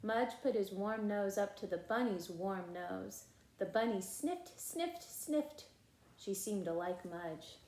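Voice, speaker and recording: Reading a picture book aloud for young children, a woman storyteller takes her time, her medium-pitched voice stretching words with expressive emphasis. She slips in casual asides, and the room has a noticeable echo.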